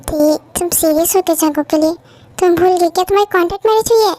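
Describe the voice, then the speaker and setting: A woman voicing a chatty young female friend who teases and gossips quickly, in an amateur fan dub. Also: very high-pitched, warm tone. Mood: teasing.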